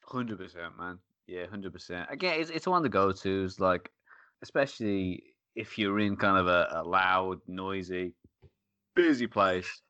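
A man chats casually as co-host of a beer podcast, easygoing and quick to laugh. His voice sits low, and the recording is dry and close with almost no room sound. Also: bright, forceful tone, clear, resonant tone, no echo, dull audio. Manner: laid-back, laughing often. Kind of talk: casual chat.

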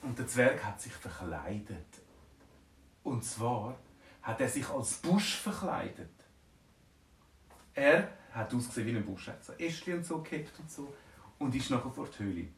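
A man's voice: medium pitch, very animated, a little slow, pauses often. A man with a Swiss German accent telling an improvised, playful bedtime story. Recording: roomy, distant from mic.

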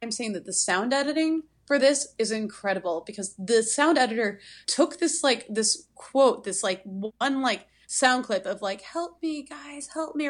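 A woman casually recapping a horror film on a podcast, rambling with lots of fillers. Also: on the high side. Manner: rambling, filler-heavy, animated retelling. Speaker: podcast co-host.

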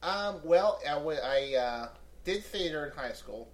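A man's voice: fairly high pitch, lively intonation, measured pace. A man from Pennsylvania telling personal anecdotes in casual chat as an interview guest. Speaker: interview guest, improv comedian.

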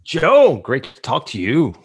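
A man's voice: mid-range voice, wildly swooping pitch, measured pace, slight background noise. Man with a Quebec French accent. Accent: French Canadian (Quebec French). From French-speaking Canada. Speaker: interview guest, entrepreneur. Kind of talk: casual interview talk.

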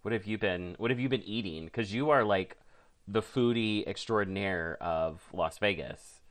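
Very deep-voiced halting man. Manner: halting, many fillers, dry jokes. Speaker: co-host. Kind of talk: casual chat.

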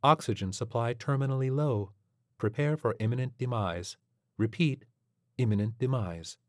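A man doing a calm ship computer, raised and dry. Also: medium pitch, normal speed, dry recording, pitched above the performer's own voice, close to an everyday voice. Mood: calm warning. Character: calm spaceship computer voice, flat and even. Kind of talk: audiobook narration of a sci-fi story.

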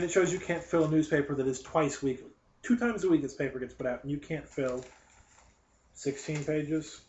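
A man's voice: medium pitch, slight background noise. A young man hosting a podcast, reading a college newspaper aloud and sarcastically picking it apart, rambling off on tangents. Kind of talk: casual live commentary. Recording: dull lo-fi recording.

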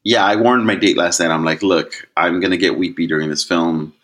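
A young man co-hosting a podcast in casual chat, animated and jumping into high, loud voices when he mimics other people. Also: fairly quick. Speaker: podcast co-host.

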